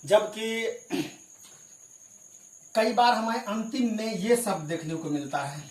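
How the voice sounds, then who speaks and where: A man's voice: sits high, animated, takes it slowly, darkish tone. Hindi-speaking man teaching English, echoey room. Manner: explains patiently, spelling words out letter by letter; clears his throat now and then. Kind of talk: spoken classroom lesson. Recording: echoey room with crickets behind.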